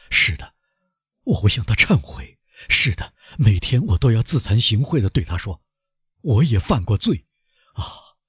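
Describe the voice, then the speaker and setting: A man's voice: lowish voice, fairly bright tone, breathy edge, dry recording, studio quality, exaggerated voice. A man voicing an anguished, guilt-ridden middle-aged male prosecutor in an audiobook, with frantic, self-accusing outbursts. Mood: tormented. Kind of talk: audiobook character voice.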